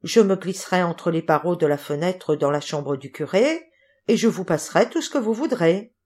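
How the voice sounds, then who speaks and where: A woman voicing a tiny, bold and playful boy in a storybook, calling out in a high, bright voice. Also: lively intonation, normal speed, breathy edge. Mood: eager.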